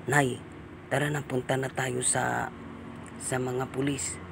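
A man's voice: medium pitch, little pitch movement, takes it slowly, gravelly, background noise. A man voicing a frightened teenage daughter who pleads with her mother in a told ghost story. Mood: pleading.

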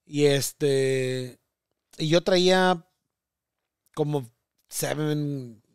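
High voiced guy on a comedy podcast, deadpan one-liners, spanish and english, dry close sound. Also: extremely slow, smooth, dry recording. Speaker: comedian co-host. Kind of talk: casual podcast chat.

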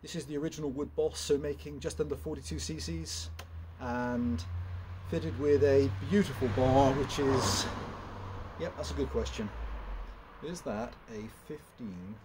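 A young man with a medium-pitched voice gives a casual, rambling walkthrough at an unhurried pace, full of fillers and restarts. He's a chainsaw vlogger, filmed by a camera some distance away in an open woodshed stacked with log piles, with background noise audible.

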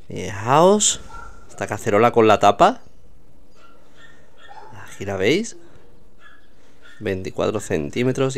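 A man casually walking through a supermarket aisle, pointing out products to his viewers. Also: mid-range voice. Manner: chatty, pointing things out to viewers. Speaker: vlogger showing store products. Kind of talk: casual walkthrough narration.

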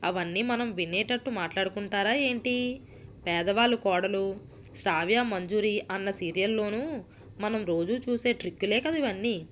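A woman's voice: mid-range voice, moderate pace, a little hiss or hum, close to an everyday voice. Woman reading a melodramatic serial-obsessed wife. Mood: scheming. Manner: sighing scoffs, self-pitying, complaining. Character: young married woman, melodramatic, hooked on TV serials. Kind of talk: storybook reading.

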